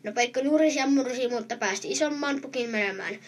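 Husky woman reading a fairy tale. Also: a little high, far from the mic. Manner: plain read-aloud with small restarts. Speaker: storyteller.

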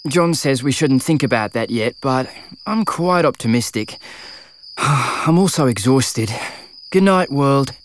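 A man's voice: mid-range voice, expressive, slow. Man as an earnest young racer, noisy surroundings. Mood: tired, hopeful. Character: street-smart young male racer, anxious but organised. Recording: clear background noise, outdoor ambience.

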